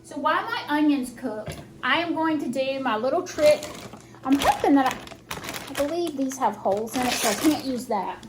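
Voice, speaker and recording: High-voiced woman talking with braces. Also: animated, normal speed, noisy background. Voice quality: slightly impeded speech from new dental braces. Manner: chatty, folksy, narrating each step as she works. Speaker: home cook hosting a cooking vlog. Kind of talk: casual cooking demonstration. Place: home kitchen while cooking.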